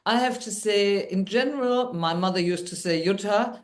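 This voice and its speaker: Female interview guest, German accent, upbeat storyteller, mid-pitched. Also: moderate pace. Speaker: guest, midwife and NLP trainer. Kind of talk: podcast interview.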